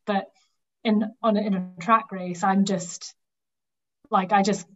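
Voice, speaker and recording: A woman from the Highlands of Scotland with a Highland Scottish accent, chatting casually as a runner in an interview and thinking aloud. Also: steady tone, measured pace, highs cut off. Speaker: cross country runner being interviewed.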